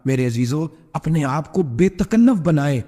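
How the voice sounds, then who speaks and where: A man preaching a sermon, telling a story and acting out its dialogue with strong pitch swings. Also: very animated, in a large hall. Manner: impassioned, acts out dialogue with sharp pitch swings. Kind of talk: Urdu religious sermon with storytelling.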